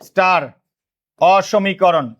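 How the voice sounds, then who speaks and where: A man from Bangladesh with a high voice leads an online lesson. He keeps asking the class questions and answering them himself, and he dictates notes in short, repeated phrases. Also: fairly even intonation, slow pace, a bit bright, highs cut off. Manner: repetitive call-and-response questioning. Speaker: teacher.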